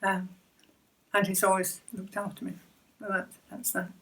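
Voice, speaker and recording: A woman's voice: medium pitch, completely flat delivery, moderate pace. Older woman sharing her faith, distant mic. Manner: hesitant, gentle, repeats words, soft laughs. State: emotional near the end. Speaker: church member sharing testimony. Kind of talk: personal faith testimony.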